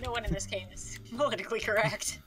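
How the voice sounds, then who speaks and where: A woman's voice: medium pitch, quick pace, music in the background. A woman playing a tabletop game, chatting out of character over an online call in a playful, joking way. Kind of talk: casual out-of-character chat.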